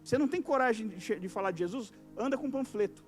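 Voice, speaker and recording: A male pastor with a Brazilian Portuguese accent, preaching an evangelical sermon at a youth service and acting out little dialogues as his voice swings between loud and soft. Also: sits high, expressive, quick pace, faint music behind. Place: church service.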